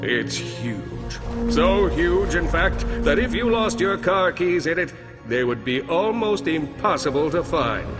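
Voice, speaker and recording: Captain Qwark, pompous, wildly swooping hero. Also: male voice, on the high side, big pitch swings, a little slow. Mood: grandiose storytelling. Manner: bombastic, theatrical. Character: pompous, cowardly, bumbling male space hero captain. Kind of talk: animated game voice acting. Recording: music behind the voice.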